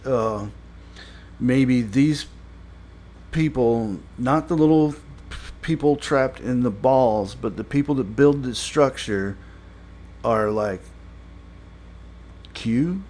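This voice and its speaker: A man giving a casual spoken review, rambling and halting with many fillers and restarts, blunt and critical. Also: medium pitch, darkish tone. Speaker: show reviewer.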